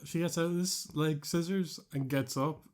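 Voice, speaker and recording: A man's voice: on the high side, steady tone, normal speed, a little mellow. A man with an Irish accent co-hosting a podcast, talking in casual, rambling chat and often trailing off. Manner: rambling, amused, trails off mid-sentence. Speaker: podcast co-host.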